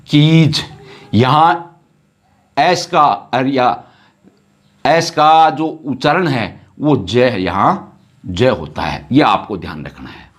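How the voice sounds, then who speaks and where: A man teaching a grammar lesson, repeating words and sounds one by one. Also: medium pitch.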